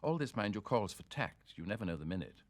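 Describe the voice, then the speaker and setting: A man's voice: on the low side, sing-song, fast. A Welsh man giving a dramatic, theatrical reading of literary prose, with rolling delivery and sharply varied emphasis. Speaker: reader of poetry and prose. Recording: 1972 vinyl spoken-word record.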